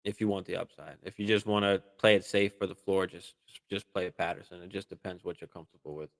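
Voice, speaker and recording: A man hosting a live fantasy football stream, answering viewer questions in a relaxed, casual way, swearing freely and using lots of fillers and restarts. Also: low-pitched, fast talker, gravelly. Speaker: fantasy football show host.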